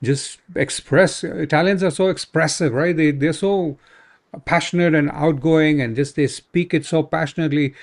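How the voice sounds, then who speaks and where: A man with a gravelly, fry-heavy voice pitched a touch high preaches with fervor. He urges listeners on and keeps checking in with "right?" as he ministers. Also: fairly even intonation, normal speed. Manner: fervent, exhorting, repeats "right?". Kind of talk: prayer ministry talk.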